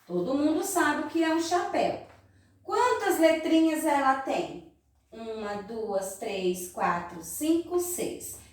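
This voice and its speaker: A Brazilian woman teaching young children in a slow, sing-song voice, recorded in an echoey room from some distance. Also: high-pitched, animated. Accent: Brazilian Portuguese. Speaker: primary school teacher. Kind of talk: recorded remote class lesson.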